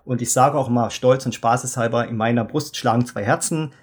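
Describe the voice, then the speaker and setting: A man in his fifties, a fertilizer sales expert, explaining market history in measured detail in a podcast interview. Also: medium pitch, breathy edge. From Germany. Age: 50s.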